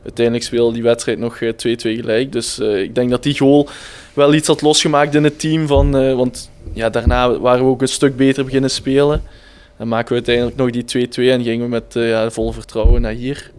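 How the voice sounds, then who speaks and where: A man with a medium-pitched voice and a Flemish accent from Belgian Limburg gives a casual interview. He is diplomatic and measured, often hesitating as he picks his words. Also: level tone, a little mellow, clean tone. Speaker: footballer being interviewed.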